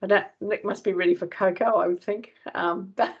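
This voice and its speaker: A woman's voice: mid-range voice, fairly even intonation, normal speed, breathy edge, highs cut off. A woman chairing an online panel and giving closing remarks, hesitant, with many fillers and restarts. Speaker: symposium chair.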